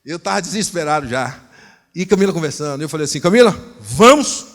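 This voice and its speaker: A Brazilian pastor with a high-pitched voice preaches as a lively storyteller, acting out each exchange as he goes. The long reverb of a large church hall rings around him. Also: quick pace. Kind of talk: storytelling sermon.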